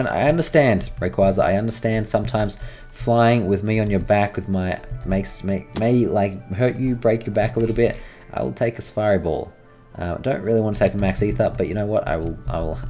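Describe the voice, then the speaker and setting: Man for let's-play commentary, a rambling chatterbox with a deep, warm tone over soft background music. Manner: chatty, rambling, talks to his game creatures. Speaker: gaming channel host.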